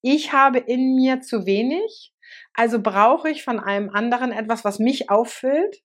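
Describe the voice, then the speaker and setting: A woman giving a lively, colloquial motivational talk as a coach, often repeating words for emphasis. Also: on the high side, measured pace. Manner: lively, acts out quoted voices.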